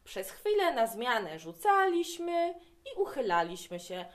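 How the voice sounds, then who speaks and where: A woman reading a children's story aloud to young listeners, with an expressive, animated delivery. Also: a little high, a little slow.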